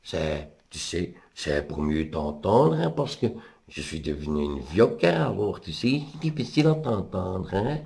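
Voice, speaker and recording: A man with a Brussels accent voicing a sly wolf disguised as a grandmother in a told story, in a gravelly voice. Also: sits low, very animated, measured pace, a little mellow, heavily acted. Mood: sly, coaxing.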